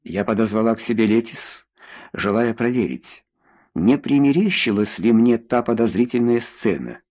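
A man's voice: mid-range voice, animated, normal speed, a little mellow. A man narrating an audiobook in the first person, reading expressively.

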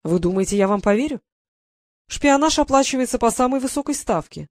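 A man's voice: high-pitched, expressive, fast talker, darkish tone, no room sound, studio quality. A reader voicing a stern, commanding English lord who questions an intruder in his room. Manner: stern, interrogating.

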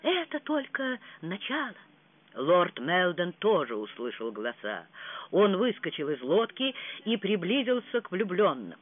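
An audiobook narrator reading a romance novel with dramatic, expressive delivery. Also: mid-range voice, unhurried. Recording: tinny phone-like sound.

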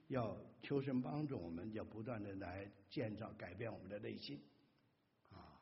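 Animated male pastor preaching in a hall. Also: mid-range voice. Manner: animated, emphatic preaching with rising stresses. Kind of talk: sermon. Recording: dull audio with long hall reverb.

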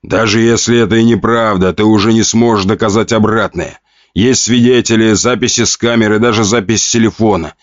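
A man's voice: on the low side, fairly even intonation, fairly quick, no echo, lo-fi sound, close to an everyday voice. A man voicing a powerful duke who harshly scolds his son with scorn and mockery. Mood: scornful.

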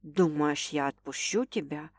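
A woman's voice: lowish voice, measured pace, no echo, natural voice. A woman voicing a domineering, possessive, drunk male boss who growls and hisses his threats. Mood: menacing possessive. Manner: growling, snapping, hissing threats.

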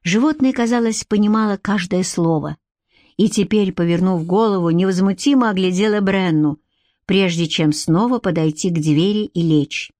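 A woman narrating a romance audiobook in an even, measured storytelling manner. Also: on the low side, no echo, clean studio sound. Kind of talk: scripted narration.

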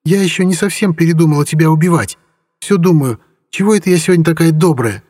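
A man's voice: fairly high pitch, quick pace, a little mellow, husky, pitched above the performer's own voice. A man voicing a fierce young woman warrior who mocks her foes in tough slang, as a storybook reader. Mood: mocking. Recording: long reverb.

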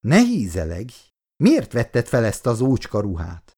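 A man's voice: wildly swooping pitch, darkish tone, breathy edge. A male reader voicing a fierce, emotional elderly mother who scolds her grown sons. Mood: scolding. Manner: scolding, shrill outbursts.

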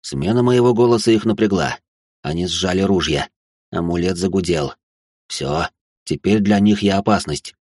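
A man with a low, husky voice narrates a first-person story, dramatic and quick with side remarks. The recording is dry and close. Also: expressive, darkish tone, no echo.

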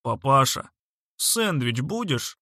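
Guy doing a deadpan little kid waiter, blunt, goes on and on. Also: mid-range voice, slow, no room sound, clean studio sound, exaggerated voice. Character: scruffy serious little boy waiter, stubborn.

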